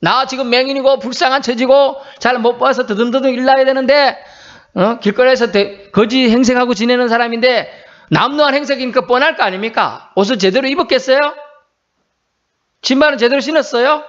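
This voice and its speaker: A man's voice: very high-pitched, fairly quick, voice pushed up. A man voicing a desperate blind beggar man who pleads for help, in a raised voice, on a dull lo-fi recording. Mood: pleading.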